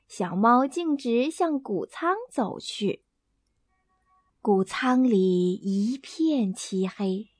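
A woman reads a bedtime story aloud in a gentle, expressive way, her voice sitting high and her pace slow and unhurried. The recording is close and dry, with no room sound. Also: breathy edge, dry recording.

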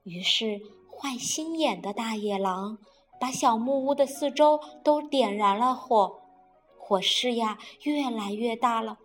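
慢悠悠讲童话的女声. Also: female voice, on the high side, faint music behind. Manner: slow, sing-song, drawn-out. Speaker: storyteller. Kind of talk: children's storytelling.

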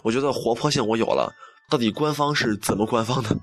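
A young man talks fast in a mid-range voice while hosting a campus radio show. He tells a story in a chatty, self-mocking monologue and acts out the dialogue.

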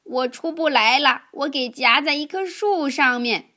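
Cartoonish boy elephant, mischievous, very high, drawn-out squeaky calls, as a woman puts him on. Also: bright, forceful tone. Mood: pleading. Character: mischievous young male elephant cousin, prankster.

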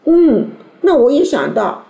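A woman teacher, speaking slowly and soothingly to young children. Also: high voice, gravelly, roomy sound. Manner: slow, soothing, lively intonation. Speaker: reading teacher. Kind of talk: children's reading lesson.

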